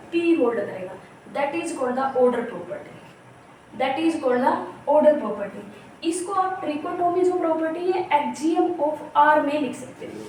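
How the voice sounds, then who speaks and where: A woman teacher explains a math lesson step by step, repeating key terms and asking questions she answers herself. Her voice sits high and her delivery is slow and measured. She sounds set back from the mic in a very echoey room with faint background noise. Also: darkish tone, far from the mic. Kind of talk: exam-prep lecture on real analysis.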